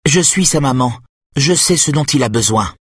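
A man's voice: on the high side, animated, moderate pace, breathy edge, no echo, studio quality, pitched above the performer's own voice. A man putting on a cold, stern woman. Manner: curt, cold and severe.

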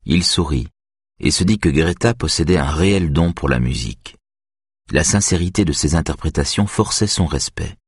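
Male narrator, very low and husky, measured audiobook read. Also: dry recording, clean studio sound. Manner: even, measured reading.

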